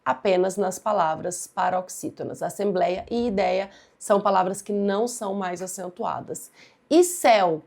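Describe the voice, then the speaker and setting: A woman's voice: mid-range voice, normal speed, gravelly, darkish tone. A Brazilian woman teaching an exam-prep grammar lesson, stressing and repeating key words as she explains each answer. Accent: Brazilian Portuguese.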